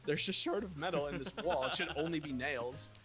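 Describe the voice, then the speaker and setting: A man's voice: fairly high pitch, a little fast, over music, rough recording. A young man casually telling funny stories in a chat, full of fillers and laughter. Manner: animated, laughing storyteller with many "like" fillers. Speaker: host.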